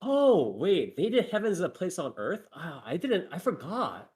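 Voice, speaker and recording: Male co-host, laughs often, quick asides, casual chat. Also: high voice, wildly swooping pitch, darkish tone. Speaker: podcast co-host.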